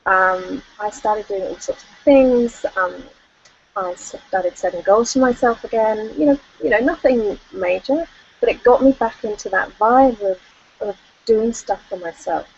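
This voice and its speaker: A woman's voice: mid-range voice, unhurried, darkish tone, a little hiss or hum. A middle-aged woman, telling a personal story as a life coach on an online call, candid and chatty with plenty of fillers. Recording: dull lo-fi call audio.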